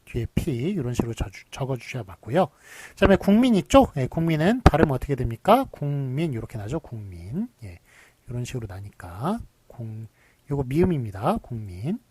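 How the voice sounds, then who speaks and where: Husky male lecturer with lively pitch. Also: a little fast. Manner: many fillers, asks rhetorical questions. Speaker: university lecturer. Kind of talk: recorded online lecture.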